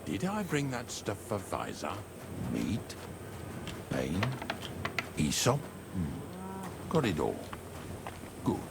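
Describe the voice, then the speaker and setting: An actor playing a gruff, talkative older rustic wagon driver in a medieval video game, with a folksy, rambling manner. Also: male voice, deep voice, huge pitch swings, drawn-out words, long pauses, noisy background, heavily acted. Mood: muttering, businesslike. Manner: folksy, rambling, plain-spoken. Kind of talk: video game dialogue acting. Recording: music behind the voice.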